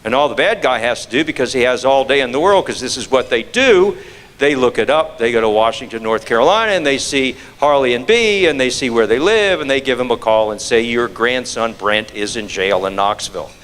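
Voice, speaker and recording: A man's voice: medium pitch, expressive, fairly quick, a bit bright, in a large hall. A man giving a scam-prevention presentation to an audience, firing off rhetorical questions and repeating key phrases for emphasis. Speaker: fraud prevention speaker.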